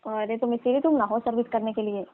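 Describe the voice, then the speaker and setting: Playing a flirtatious village aunt in a phone-call comedy sketch, a woman teases and coaxes a younger repairman in a pushy, colloquial way. Her slightly high voice moves at a quick pace with fairly even intonation and sounds natural. The call-style recording is tinny and dry, without echo.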